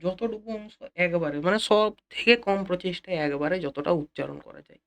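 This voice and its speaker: A man teaching an English lesson in a Bengali accent, repeating key phrases slowly and speaking directly to his students. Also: high-pitched, vocal fry, fairly bright tone. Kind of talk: classroom-style lesson explanation.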